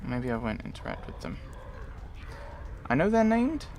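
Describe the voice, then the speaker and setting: Creaky-voiced man muttering through a game. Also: mid-range voice, huge pitch swings, normal speed, darkish tone. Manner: muttering asides, thinking aloud. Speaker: let's player. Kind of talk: casual game commentary, reading game text aloud.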